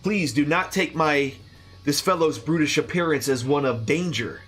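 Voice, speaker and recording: A man's voice: fairly high pitch, normal speed, a bit bright, breathy edge, faint music behind. A man doing a courtly noble lord. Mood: gracious. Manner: formal, gracious. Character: courtly male noble vouching for heroes.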